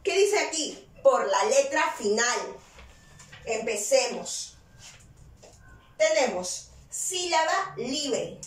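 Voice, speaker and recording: Slow, high-voiced woman teaching. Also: sing-song, recorded from a distance. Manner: asks rhetorical questions and answers them herself; slow, deliberate explaining with stressed key words. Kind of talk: virtual class lesson. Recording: roomy echo, voice set back from the mic.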